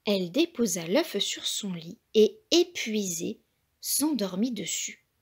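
A woman reading a children's picture book aloud in a gentle, unhurried way. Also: mid-range voice, sing-song, breathy edge. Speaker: storyteller.

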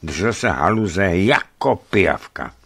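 A man narrating a memoir aloud, telling it in a lively storytelling manner. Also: low-pitched, gravelly, breathy edge, no echo.

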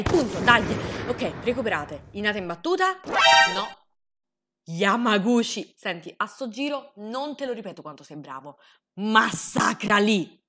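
A young woman giving an excitable, sarcastic comedic recap, swearing freely as she reacts. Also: mid-range voice. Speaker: anime recap host.

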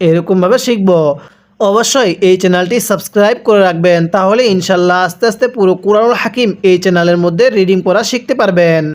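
A Quran recitation teacher spelling out letters and vowel marks one by one, then drilling each word slowly for listeners to repeat. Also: medium pitch. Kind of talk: step-by-step recitation lesson.

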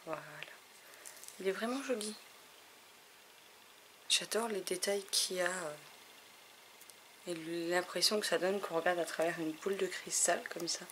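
Chatty, bright-voiced French woman. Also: on the low side, slight background noise. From France. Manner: chatty, enthusiastic, often trails off with fillers. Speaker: YouTuber unboxing an advent calendar. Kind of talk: casual unboxing vlog.

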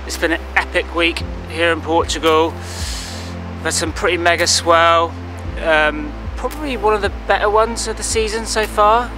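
A man in his thirties talks casually to a close camera on a clifftop by the sea. His voice sits a little high, and he rambles easily with lots of ums and likes while music plays underneath. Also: fairly even intonation, moderate pace, rough recording. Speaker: big-wave surfer and vlogger. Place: outdoors on a clifftop by the sea at dusk.

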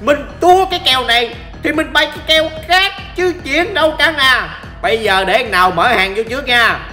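A man's voice: very high-pitched, lively intonation, fairly quick, bright, forceful tone, faint music behind. A man with a Southern Vietnamese accent giving joking, chatty commentary over a game he is playing live, teasing opponents and talking to viewers. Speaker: gaming streamer.

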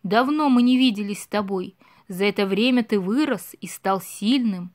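A woman voicing a wise old male deer chief in a storybook reading, speaking slowly in a low, hushed, grave tone. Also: close to an everyday voice. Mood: solemn.

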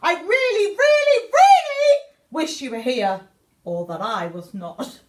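A woman reads a children's picture book theatrically in an extremely high, animated, slow voice, playing a young meerkat who sends letters home. The recording has an echoey room sound.

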